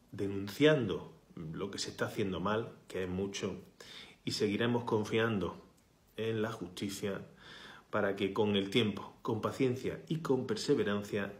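Fiery man ranting at his phone. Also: on the low side. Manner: fiery, emphatic, drops to whispers for stress. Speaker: healthcare worker and activist. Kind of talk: impassioned direct-to-camera protest appeal. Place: small indoor room, bright window behind. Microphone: phone camera at arm's length. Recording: echoey room.

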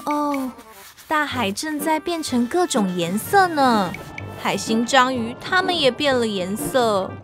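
Playing a friendly storyteller, a woman narrates a children's cartoon with a Taiwanese Mandarin accent. Her high voice is expressive and slow, with children's music playing behind her.

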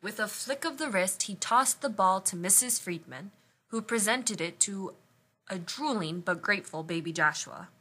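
Woman reading a children's picture book aloud, bright, expressive storyteller. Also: medium pitch, normal speed. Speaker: storybook reader.

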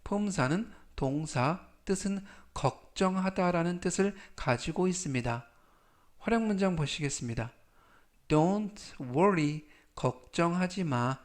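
Male Korean vocab teacher, slightly high voice, very slow deliberate drilling, polite formal delivery. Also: expressive. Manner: reads each word slowly three times, formal polite endings. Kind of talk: slow, patient vocabulary lesson.

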